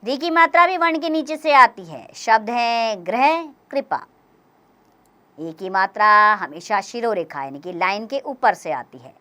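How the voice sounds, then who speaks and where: A woman teaching a grammar lesson for young children, explaining slowly and clearly, step by step. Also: on the high side, sing-song, sharp tone.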